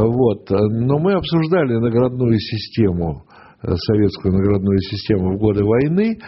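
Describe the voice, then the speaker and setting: A male radio host with a husky, slightly rough voice, talking through an interview at an easy, searching pace and now and then cutting in on his guest. The sound is dull and lo-fi, like an old radio broadcast from a studio. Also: mid-range voice. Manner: leisurely, searching for words, interjects. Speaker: radio talk show host.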